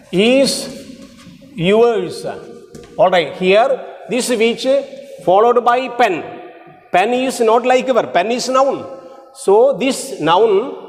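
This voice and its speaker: A man's voice: high voice, long reverb tail. A man teaching a grammar class, who repeats each rule and spells out his examples one word at a time. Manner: repeats key points slowly, drills examples word by word.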